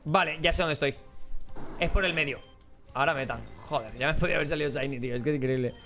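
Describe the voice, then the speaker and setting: A man rattles off quick, rambling commentary while playing a game as a let's play host. He jokes and swears casually in a slightly high voice. Soft game music plays underneath.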